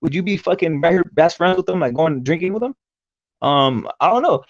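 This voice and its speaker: A man with a slightly high voice talks very fast in a brash, frat-bro way, swearing heavily. He sounds like a casual livestream host, on dull, lo-fi audio with little room sound. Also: lively intonation, no room sound. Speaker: host of a boxing talk show. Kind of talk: casual profane live panel chat.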